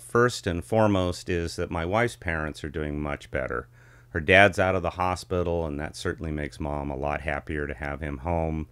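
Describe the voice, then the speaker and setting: A middle-aged man chatting casually as a vlog host, with the warm, rich sound of a vintage ribbon mic in a home studio. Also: deep voice, smooth, no echo. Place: small home studio with curtain backdrop. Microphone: studio ribbon microphone close in front.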